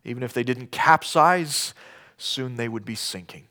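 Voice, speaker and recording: A middle-aged male pastor preaching a sermon, shifting between hushed storytelling and loud, impassioned outbursts. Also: medium pitch, measured pace.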